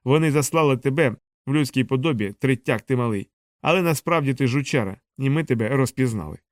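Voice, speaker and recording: A man's voice: mid-range voice, brisk, no echo, studio quality, natural voice. A man voicing a cruel, bullying older boy who taunts and threatens his younger brother. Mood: taunting.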